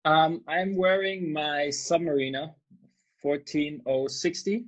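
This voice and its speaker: A man's voice: fairly high pitch, takes it slowly, highs cut off. A man from Austria, hosting a casual video chat in an easygoing, agreeable way. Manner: easygoing, agreeable, many short yeahs. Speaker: host. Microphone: video call mic.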